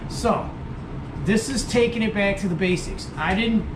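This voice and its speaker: A host demonstrates radio gear in a casual, hands-on tutorial, speaking at medium pitch and normal speed. His style is folksy and he repeats points for beginners, recorded in a roomy space with background noise.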